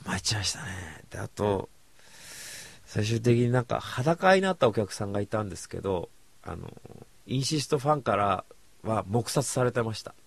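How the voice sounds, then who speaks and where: A man's voice: fairly low pitch, lively intonation, normal speed, gravelly, husky. A man hosting a radio show alone, chatting casually in a rambling, self-mocking way. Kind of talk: casual solo radio talk.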